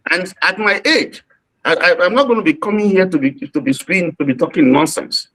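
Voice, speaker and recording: A man's voice: high-pitched, a little fast, a bit bright, poor audio. A Nigerian man from Lagos, calling into a livestream, heated and insistent, repeating his points. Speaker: caller on livestream.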